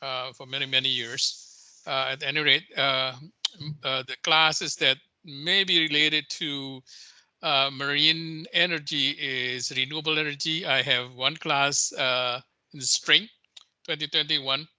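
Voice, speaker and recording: A man speaking on a video call, halting and hesitant with constant "uh" pauses. His voice is very bright and sharp, and the sound is dry and close. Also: fairly high pitch, fairly even intonation, dry recording. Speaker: university professor. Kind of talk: casual self-introduction on a call.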